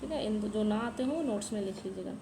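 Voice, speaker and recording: A fast-talking woman with a medium-pitched voice teaches exam preparation, working through a past paper and speaking straight to her students while patiently repeating corrections. The room is echoey, with faint background noise.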